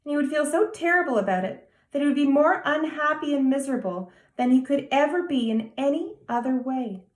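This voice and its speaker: In a storybook reading, a woman voices a serious, earnest small boy of nearly ten, pitching her voice above her own natural register. The delivery is high, expressive, grave and emphatic in a childlike way, and a little fast. The room is echoey.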